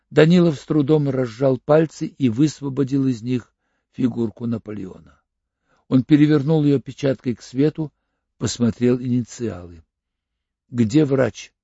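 A man narrating an audiobook in a steady, even storytelling manner. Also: mid-range voice, creaky, no echo. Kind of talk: scripted narration. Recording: dull lo-fi audiobook recording.

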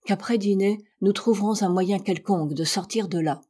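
A woman's voice: medium pitch, moderate pace, mellow, husky, close to an everyday voice. A woman voicing an old male ship's boatswain, plaintive and fretful, in a read-aloud novel. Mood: rueful.

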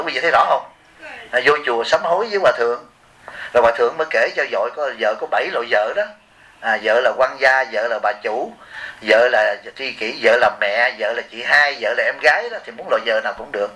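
A man's voice: medium pitch, fast, bright, forceful tone. A monk giving an informal dharma talk, telling rambling anecdotes and joking back and forth with his audience. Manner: rambling storytelling, bantering with the audience.

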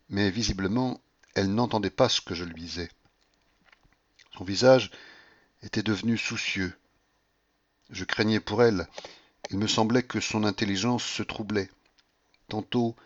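A man reading a classic novel aloud in steady, measured audiobook narration. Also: fairly low pitch, dry recording, muffled recording. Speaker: audiobook reader.

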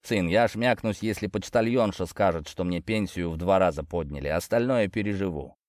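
A man voicing a gruff, blunt older working-class father who jokes in a folksy way. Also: deep voice, normal speed, a little mellow, no echo, clean studio sound, close to an everyday voice.

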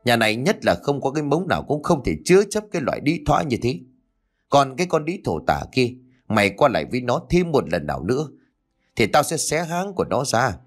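A man's voice: medium pitch, sing-song, brisk, faint music behind. A man voicing a furious, domineering wealthy old mother who scolds with harsh insults. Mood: enraged.

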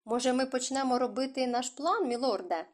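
A woman voicing a spirited, earnest young noblewoman with a frank, lively way of talking. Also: high-pitched, a little fast, lightly acted.

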